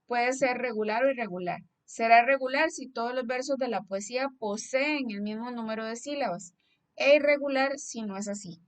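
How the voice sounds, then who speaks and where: Patiently explaining a lesson slide, a young female teacher speaks at normal speed in a voice on the high side, with a Costa Rican Spanish accent. She often checks her students are following with "¿verdad?"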